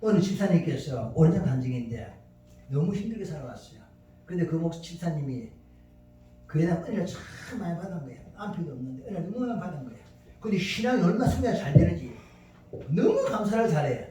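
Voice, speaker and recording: Booming high-voiced male preacher, echoing hall. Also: sing-song, fast, warm tone, a little hiss or hum. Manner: emphatic, storytelling, acts out quotes. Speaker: pastor. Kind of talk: sermon. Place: church sanctuary. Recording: very echoey church hall from far off.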